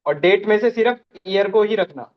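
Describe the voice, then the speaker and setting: A man's voice: high-pitched, lively intonation, moderate pace, highs cut off. A man teaching a live online class, walking students through each step and checking in with them as he goes.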